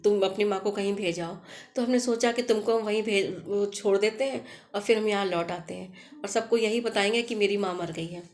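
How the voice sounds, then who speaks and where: A woman's voice: mid-range voice, normal speed, a little mellow, close to an everyday voice. A woman doing a remorseful grown son. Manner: apologetic, emotional.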